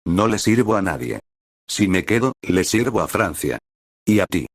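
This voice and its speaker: A man voicing a tired, condemned soldier who speaks slowly and hoarsely with calm resolve. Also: low voice, no echo, studio quality, full character voice. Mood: resolute.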